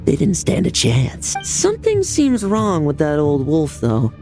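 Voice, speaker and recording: A woman's voice: low voice, wildly swooping pitch, a little slow, warm tone, exaggerated voice. A woman voicing a wary, cocky fighter in a video game, wry and blunt. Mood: wry, relaxed. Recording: game music behind voice.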